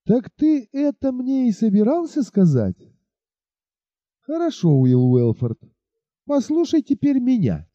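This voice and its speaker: A man voicing a proud, defiant young peasant woman in an audiobook, raising his voice to a high girlish pitch. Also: big pitch swings, moderate pace, dark tone, no room sound, highs cut off. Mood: scornful, defiant. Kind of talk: audiobook character voice.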